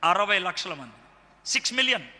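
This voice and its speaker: A male pastor delivers an animated sermon, often repeating his lines for emphasis. His voice sits high and sounds very bright and forceful. A long reverb trails his words through a prayer hall. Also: a little fast.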